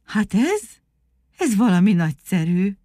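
A woman reading a storybook aloud, voicing a sly, flattering trickster animal who poses as a singing teacher in a wheedling, theatrical tone. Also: mid-range voice, a little hiss or hum, close to an everyday voice. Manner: wheedling, fawning, theatrical praise.

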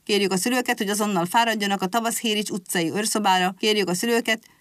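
A woman voicing an unfriendly official announcer speaking through a loudspeaker in a storybook. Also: mid-range voice, steady tone, no echo, natural voice. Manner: formal announcing.

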